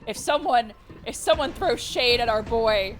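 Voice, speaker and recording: A woman speedrunner giving live commentary on her game, cooing baby talk to the creature and bursting out loud when things go well or wrong. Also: a little high, a little slow. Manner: excitable, with sudden loud outbursts. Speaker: speedrunner streamer.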